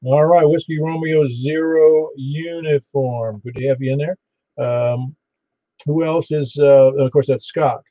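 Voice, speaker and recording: A man working as a ham radio net controller, halting and easygoing as he takes an informal roll call. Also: a little high, fairly even intonation, dark tone, no room sound. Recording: dull band-limited ham radio audio.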